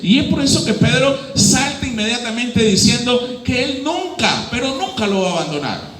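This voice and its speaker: A man's voice: sits high, fairly bright tone. A Nicaraguan man preaching a Sunday sermon as pastor, often asking the congregation questions. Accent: Nicaraguan Spanish. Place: church hall. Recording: echoey church hall.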